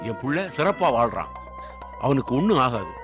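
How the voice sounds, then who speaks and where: A man's voice: medium pitch, sing-song, brisk, natural voice. An actor playing a stern, authoritative older father of the household in a TV serial. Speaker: father-in-law. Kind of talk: TV serial acting. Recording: TV serial soundtrack with music.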